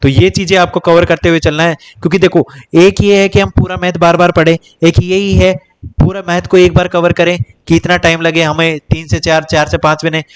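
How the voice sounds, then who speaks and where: A young man gives a casual Hindi-English coaching lecture on exam topics, repeating points and calling viewers "bhai" as he lists and counts them. His voice is fairly high and clean, level in tone, at normal speed.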